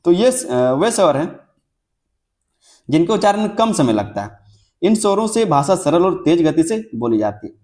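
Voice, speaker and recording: A man's voice: fairly high pitch, sing-song, darkish tone. A young man teaching a lecture, repeating points and drawing out example words, often checking in with his students. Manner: repetitive, drawn-out example words with frequent checks like "theek hai". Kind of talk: classroom lecture.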